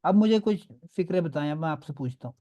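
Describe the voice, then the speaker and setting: A man's voice: fairly high pitch, animated, a little fast, warm tone, dull audio. Patient male teacher drilling pronunciation. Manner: patient, drilling, checks in with "okay?" often. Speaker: language teacher. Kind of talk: online class lesson.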